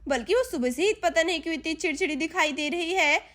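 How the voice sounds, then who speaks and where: A woman doing a gentle village mother. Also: very high-pitched, expressive, fast.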